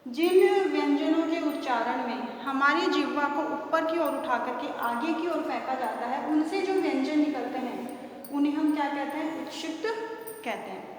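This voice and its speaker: Casting: high-voiced woman teacher, far from the mic, echoey room, asks and answers her own questions. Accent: Hindi, North Indian. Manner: asks questions and answers them herself, stretching key words slowly. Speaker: school teacher. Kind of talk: classroom grammar lesson. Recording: echoey distant room recording with faint noise.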